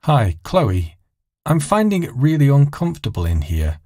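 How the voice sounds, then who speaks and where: A man's voice: medium pitch, sing-song, moderate pace, mellow, dry recording, studio quality, pitched above the performer's own voice. A man voicing a prim, fussy British woman passenger who complains bitterly in an audio story. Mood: complaining.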